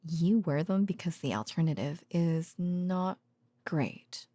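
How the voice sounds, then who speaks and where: A woman acts as a soft-spoken researcher girlfriend who whispers secret tales from work at bedtime in an ASMR roleplay. Her lowish voice is dark, husky, breathy and mellow, yet animated, slipping often into whispers as she murmurs haltingly and casually. It's very close and dry, with no room sound.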